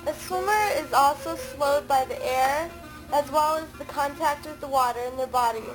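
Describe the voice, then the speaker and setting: A woman's voice: sits high, moderate pace, soft background music, rough recording. A woman reciting a scripted science explainer in formal wording, recorded as amateur camcorder audio. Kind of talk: scripted narration of a physics explainer. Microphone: camcorder microphone. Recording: amateur camcorder audio with clear background noise. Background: ambient noise.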